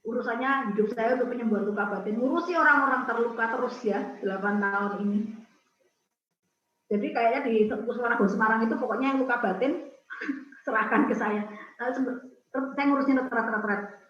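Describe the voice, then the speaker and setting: A woman's voice: fairly high pitch, fairly quick, a bit bright, a little hiss or hum. A middle-aged Indonesian woman giving a storytelling talk to a women's prayer group over a video call, acting out the voices of the people she quotes. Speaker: speaker at a prayer community's Zoom talk. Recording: echoey, dull video-call audio.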